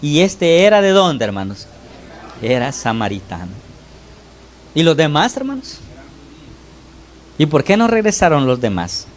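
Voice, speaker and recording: A man preaching a sermon to his congregation, often pausing to call on the brothers and ask "¿verdad?", his voice rising and falling sharply between phrases. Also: big pitch swings, slight background noise. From El Salvador. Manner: pitch and loudness swing widely between phrases. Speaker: lay preacher.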